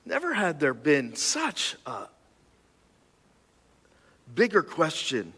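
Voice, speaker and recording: Bright-voiced man preaching in a reverberant hall. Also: on the high side, wildly swooping pitch, slow pace, slightly rough. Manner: conversational, joking, with many restarts and sudden loud emphatic passages. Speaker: pastor. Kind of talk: sermon. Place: church auditorium.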